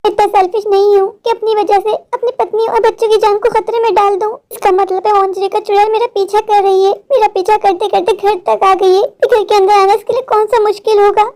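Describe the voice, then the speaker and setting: A woman's voice: extremely high pitch, flat delivery, a little fast, few pauses, dark tone. A woman voicing a frightened, tired male office worker in a cartoon, anxious and pleading, short-tempered with his wife.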